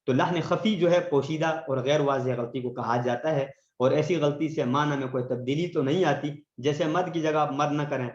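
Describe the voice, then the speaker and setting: A man teaching a tajweed lesson, explaining patiently and slowing down to recite verses as examples. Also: fairly high pitch, fairly even intonation, a little mellow. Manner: explains patiently, often checks with "theek hai?". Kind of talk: online tajweed lesson in Urdu. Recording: roomy, dull lo-fi sound.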